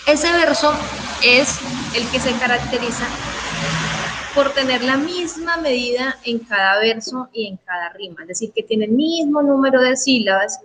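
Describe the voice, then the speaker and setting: A middle-aged Colombian woman teaches over a video call, her voice sitting fairly high. She explains step by step and keeps checking that the class follows. A faint hiss sits under the line. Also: moderate pace. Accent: Colombian Spanish. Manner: patient, checks understanding with frequent questions.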